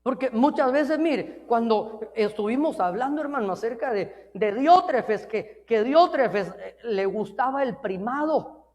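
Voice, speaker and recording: A man's voice: very high voice, expressive, unhurried, darkish tone. A man preaching an informal sermon in earnest tones, repeating himself and often calling listeners brother, with joking asides. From Mexico. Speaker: pastor. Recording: long reverb of a large hall.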